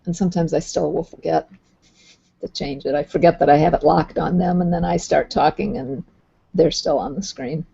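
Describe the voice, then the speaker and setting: Woman host, husky gravelly voice, dark tone, dull lo-fi video-call audio. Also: deep voice, steady tone, moderate pace. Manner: explains patiently, thinks aloud with restarts. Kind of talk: casual explanatory chat. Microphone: computer mic on a video call.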